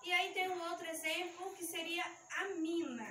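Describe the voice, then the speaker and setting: A woman's voice: extremely high pitch, level tone, moderate pace, pushed and bright, a little hiss or hum. A woman giving a youth ministry teaching talk, explaining each step of a live demonstration to her listeners, her voice shaky with nerves. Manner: explanatory, talks the audience through each step. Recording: echoey room mic from far off.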